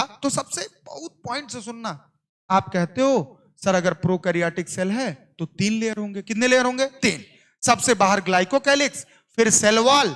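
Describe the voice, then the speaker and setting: A man's voice: very high-pitched, sharp tone. A man teaching a coaching class, keeps firing questions and repeating answers, teasing and scolding sleepy students. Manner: call-and-response questioning; playful scolding. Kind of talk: classroom lecture.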